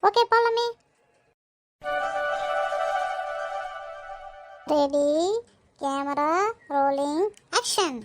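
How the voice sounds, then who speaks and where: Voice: sits high, expressive, slow pace, loud music behind the voice. A voice actor playing a snarky, sarcastic girl friend in a cartoon. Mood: chatty. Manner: mocking, sarcastic.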